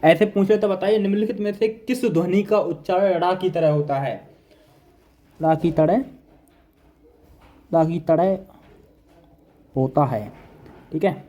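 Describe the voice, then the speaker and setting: A man with a high-sitting yet dark-toned voice teaches Hindi grammar a little slowly, pausing often. In this online exam-prep lesson he writes notes on a board while drilling each point again and again with "देखिए" and "ठीक है".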